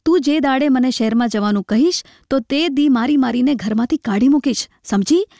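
A woman reading a story aloud, voicing a poor, starving village man who is proud, bitter and quick to lash out in scornful outbursts. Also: sits high, dark tone, no room sound, clean studio sound. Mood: angry.

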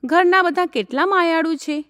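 A woman's voice: extremely high pitch, moderate pace, fairly bright tone, in a large hall, pitched above the performer's own voice. A woman reading aloud as a cheerful young bride in a story, light and chatty.

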